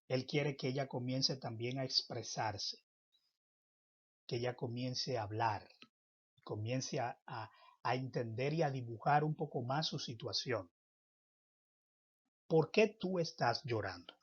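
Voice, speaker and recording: Slow husky guy preaching a bible class, stretches words, punches some loud, dull lo-fi audio. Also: medium pitch. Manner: emphatic, drawn-out phrasing with sudden loud stresses. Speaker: bible teacher. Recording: dull lo-fi recording.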